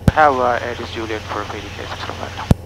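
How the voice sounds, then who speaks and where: Guy doing pilot radio calls on a headset, short clipped readbacks with some uhs, engine roaring loud behind him. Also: medium pitch, fast. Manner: clipped readbacks with hesitant uh fillers. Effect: pilot talking over the aviation radio. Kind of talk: pilot radio calls to air traffic control. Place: small plane cockpit in flight. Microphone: aviation headset. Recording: loud engine noise in cockpit. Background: aircraft engine drone.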